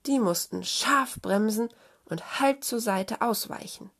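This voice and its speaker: A woman reading a children's story aloud in a gentle, expressive way. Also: fairly high pitch, slow, slightly rough.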